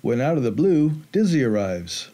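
A man's voice: medium pitch, big pitch swings, normal speed, warm tone. A man reading scripted narration as the narrator of a film recap.

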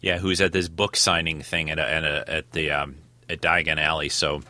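A man co-hosting a casual recap chat, speaking loosely and haltingly with repeated words. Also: a bass voice, little pitch movement, sharp tone. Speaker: podcast co-host.

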